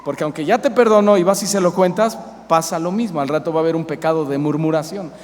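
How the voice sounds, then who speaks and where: Un pastor mexicano de mediana edad predicando con énfasis y haciendo preguntas a la congregación. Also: male voice, fairly high pitch, quick pace. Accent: Mexican Spanish. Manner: emphatic, asks the congregation questions. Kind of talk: sermon. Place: church hall. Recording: reverberant church hall, faint hiss.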